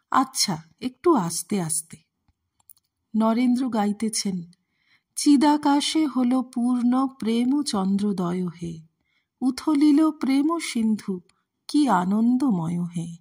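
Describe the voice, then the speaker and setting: A woman giving a slow devotional scripture reading, reciting verses in a measured, reverent way. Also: on the high side, darkish tone, husky. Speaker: scripture reader.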